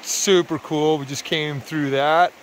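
A man's voice: a little high, fairly even intonation, slow pace, slight background noise. Tired, rambling man vlogging outdoors. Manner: easygoing, rambling, with fillers and laughs. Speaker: vlogger on a canoe trip. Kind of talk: casual outdoor vlog narration. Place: outdoors on a wilderness lake and river trip.

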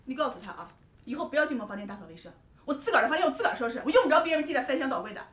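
A fast-talking furious young wife. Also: female voice, high voice, expressive, roomy sound, noisy background. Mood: indignant. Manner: sharp, fast and scolding. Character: angry overworked young wife. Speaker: wife in a family drama. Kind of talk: TV drama acting.

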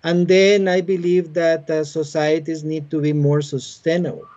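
This biologist and university teacher from Costa Rica talks with a fairly high, flat, mellow voice and a Costa Rican Spanish accent. Answering interview questions with explanations, he is patient yet halting, filling gaps with frequent "uh"s. The sound comes through muffled from a laptop webcam on a video call, recorded in a home room with bookshelves.

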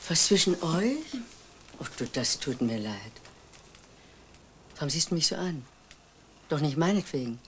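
An older mother who exclaims and protests when she is hurt. Her voice sits low. Steady hiss runs under the dialogue of an old TV recording. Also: measured pace, long pauses. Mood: worried. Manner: indignant, exclamatory. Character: older divorced mother visiting her son, flustered and proud. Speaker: visiting mother. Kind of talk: TV drama acting.

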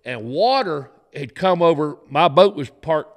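A man's voice: a little high, expressive, measured pace. A middle-aged man with a Southern accent, telling profane, laughing stories as a guest on a podcast. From Florida, US. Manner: folksy, profane, laughs through his stories. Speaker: podcast guest, former game warden. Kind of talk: casual storytelling. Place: podcast set in a garage studio. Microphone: studio mic on boom arm, headphones.

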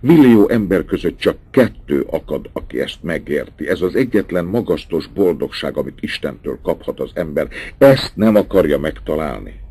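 A man's voice: rumbling low, lively intonation, warm tone, breathy edge, exaggerated voice. A male audiobook reader voicing a passionate young man who speaks eagerly and insistently. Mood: ardent. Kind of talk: audiobook dialogue.

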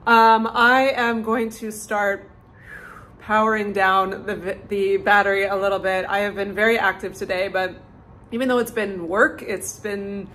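A woman talks casually to camera in a lifestyle vlog, upbeat and chatty and dropping "like" here and there. Her voice sits in an ordinary middle pitch. A faint hum of outdoor ambience lies under her talk. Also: steady tone, a little slow, a bit bright, rough recording. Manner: chatty, upbeat, frequent "like" fillers. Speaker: lifestyle vlogger. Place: home kitchen and outdoor porch.

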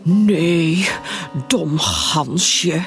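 A woman's voice: low voice, expressive, extremely slow, faint music behind, full character voice. A woman voicing a weary, worried male rabbit in a children's storybook, sighing as he speaks. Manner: sighing, gravelly.

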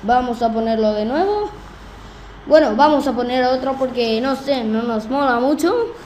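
A woman's voice: high-pitched, animated, moderate pace, darkish tone, echoey room, a little hiss or hum. A woman with a Spain Spanish accent giving playful, joking let's-play commentary, laughing often. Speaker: gaming video host.

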